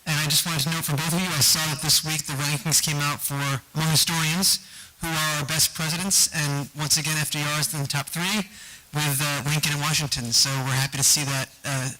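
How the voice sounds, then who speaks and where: A man's voice: on the high side, level tone, a little fast, bright, forceful tone, poor audio. A man chairing a public board meeting, introducing the hosts with light jokes.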